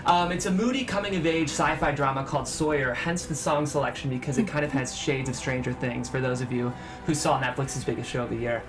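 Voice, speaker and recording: Over music, a man with a medium-pitched, brisk voice hosts a screenplay table read, presenting the show to an audience and reading out the scripted stage directions.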